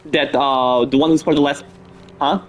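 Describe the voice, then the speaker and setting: A man's voice: mid-range voice, fairly even intonation, moderate pace. A man hosting a live stream, chatting casually and rambling with lots of fillers and restarts. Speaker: stream host. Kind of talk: casual chat.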